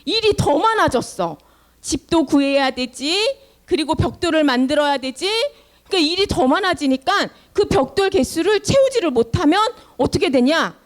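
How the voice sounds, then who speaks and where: A woman teaching children, telling a Bible story with lively questions to her young listeners. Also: high voice. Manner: animated, asks children questions.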